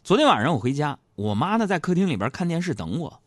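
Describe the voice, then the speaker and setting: A man tells comic stories, and his voice swings widely in pitch as he acts out each scene. The voice sits a little high for a man and is recorded close and dry, with no room sound. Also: fast talker, no room sound. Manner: animated storytelling, acts out other voices. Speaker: comedy radio host. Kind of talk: stand-up style comic monologue.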